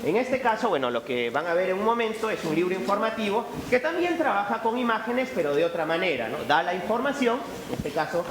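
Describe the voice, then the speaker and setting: A storyteller tells a fable to a live audience, animated and expressive. His voice sits high for a man and swings widely in pitch. The sound is echoey, as in a hall, with faint background ambience. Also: brisk, few pauses, crowd noise. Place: event hall at a book fair.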